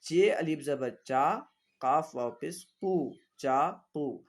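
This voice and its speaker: A man's voice: a little high, slow pace. A man teaching reading, spelling out letters and vowel marks one by one and repeating each word aloud for his students in a patient, instructive way. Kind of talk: classroom reading lesson.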